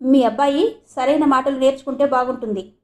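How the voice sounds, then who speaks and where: A woman's voice: sits high, big pitch swings, fairly quick, darkish tone, roomy sound, voice pushed up. A woman playing a proud, resentful young wife. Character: young stepmother, proud and quick to anger.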